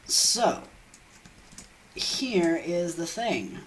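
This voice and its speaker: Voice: mid-range voice, big pitch swings, extremely slow, slight background noise, low-quality recording. A young adult game streamer and storyteller with a sniffly cold, rambling casually in a scatterbrained, self-deprecating and informal way. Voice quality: congested.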